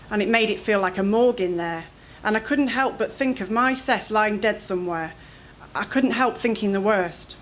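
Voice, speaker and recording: At a literary reading, a woman delivers her own first-person fiction in an expressive, anxious manner. Her voice is mid-range, and the low-quality recording carries a faint hiss or hum.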